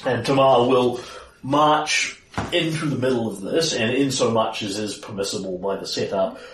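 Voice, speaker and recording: A man playing in a tabletop game, calmly describing what his character does. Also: mid-range voice, moderate pace. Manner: relaxed, describing his moves in detail. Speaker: player. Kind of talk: casual tabletop game talk. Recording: echoey room, far mic, faint noise.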